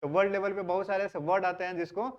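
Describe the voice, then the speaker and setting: His voice sits high, and his delivery is flat and fast as this male teacher gives a history lecture for exam prep. He questions the class and answers on his own, mixing in English words, captured in dull lo-fi sound.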